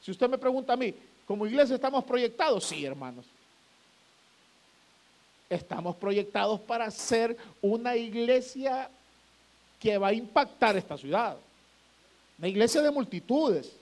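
A pastor with a strikingly high voice preaches a sermon. He stretches out key phrases and climbs to forceful emphatic peaks, then drops low on the words addressing his congregation. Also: animated, unhurried, pauses often.

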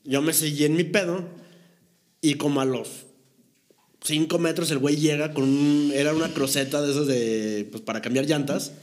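Mexican man, 30s, relaxed raunchy anecdote teller, slightly high voice. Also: moderate pace. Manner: long slangy storytelling, swearing. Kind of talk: casual chat among friends.

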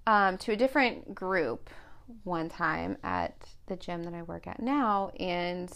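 A woman's voice: lowish voice, expressive, a little slow, a bit bright. A woman who teaches group exercise classes, chatting casually on a podcast and quoting what she tells her class. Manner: chatty, quotes herself telling people what to do.

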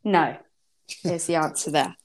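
A woman's voice: low-pitched, unhurried. A woman, chatting casually and frankly as a podcast host. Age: 20s. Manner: frank, informal, swears. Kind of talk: casual chat.

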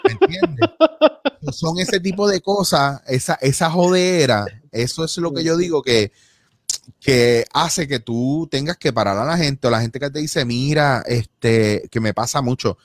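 A man's voice: fairly high pitch, animated, measured pace, no echo. A man with a Puerto Rican accent, a guest on a casual podcast, talking bluntly and with feeling and swearing freely. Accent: Puerto Rican Spanish.

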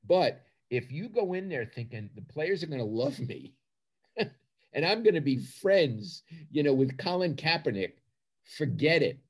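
Older male, Brooklyn accent, mid-pitched voice, journalist giving interview answers, punchy emphatic phrasing. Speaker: sports journalist.

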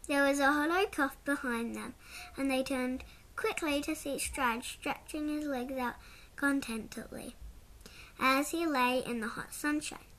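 A woman narrating a children's storybook in a measured, clear way. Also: high voice, a bit bright.

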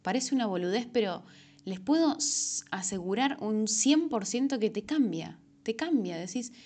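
A woman's voice: mid-range voice, expressive, moderate pace, a little mellow. A young woman with a Rioplatense Spanish accent, chatting casually to camera about everyday habits, with lots of fillers and self-corrections. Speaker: self-help vlogger. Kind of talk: casual advice monologue.

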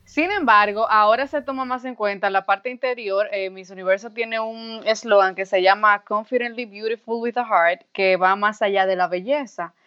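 A young woman with a Dominican accent, a podcast guest explaining things in an articulate, measured way. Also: medium pitch, smooth. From Dominican Republic. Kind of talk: casual interview talk. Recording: slightly dull lo-fi audio.

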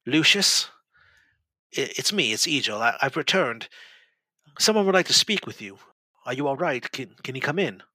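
A man voicing a gentle, anxious temple brother who stammers earnestly. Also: medium pitch, expressive, normal speed, long pauses, breathy edge, dry recording, heavily acted, poor audio.

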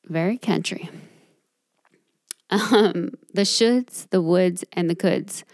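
A woman's voice: on the low side, takes it slowly, darkish tone, no room sound, studio quality. A woman hosting her own podcast, talking alone in a chatty, upbeat and self-deprecating way. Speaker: podcast host. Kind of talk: solo podcast monologue.

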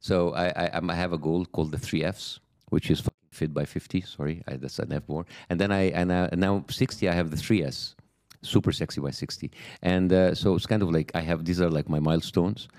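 A man in his late forties with a lisp, chatting as a podcast guest, animated and quick to laugh, often restarting his sentences. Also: deep voice. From Egypt. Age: 40s. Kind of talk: casual interview chat.

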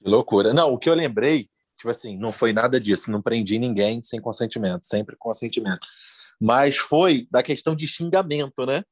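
A man in casual chat, relaxed and chatty, who keeps asking for agreement. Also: mid-range voice, brisk.

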